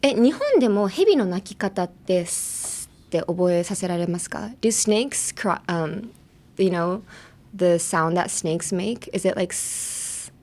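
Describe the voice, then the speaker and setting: A woman's voice: on the low side, lively intonation, takes it slowly, a little mellow. A young woman hosting a bilingual English lesson, chatty and playful as she switches between English and Japanese. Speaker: English teacher host.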